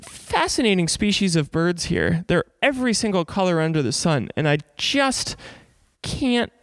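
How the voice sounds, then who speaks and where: High-voiced, clear-toned man podcasting casually. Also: very animated, moderate pace, dry recording. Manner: chatty, informal, explanatory. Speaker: podcast host. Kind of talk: casual first-person travel storytelling. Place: inside an abandoned church.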